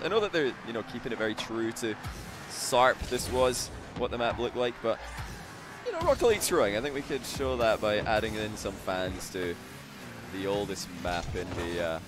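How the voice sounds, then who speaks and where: A man's voice: fairly low pitch, very animated, a little fast. Playful male esports caster, game music. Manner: playful, joking, laughs often. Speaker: esports commentator. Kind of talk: live game commentary.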